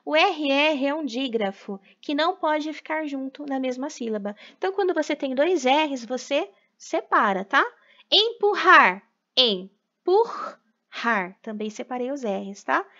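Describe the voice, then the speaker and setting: A woman teacher with a high voice walks young pupils through a lesson, checking in with them after nearly every point. The sound is a little dull and lo-fi. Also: lively intonation, moderate pace, bright, forceful tone. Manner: explanatory, frequent tag questions. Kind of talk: recorded class lesson for children.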